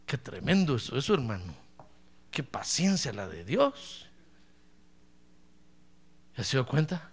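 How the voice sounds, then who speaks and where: A man's voice: medium pitch, sing-song, takes it slowly, long pauses, slightly rough. A pastor preaching a humorous sermon, acting out little dialogues and calling his listener brother.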